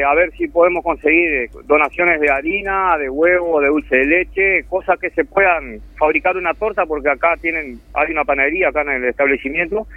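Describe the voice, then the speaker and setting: Over a tinny telephone line, an earnest Uruguayan man speaks with a Uruguayan Spanish accent, heartfelt and rambling, his voice on the high side with no room sound. He's a charity volunteer taking part as a phone-in guest in a casual radio interview.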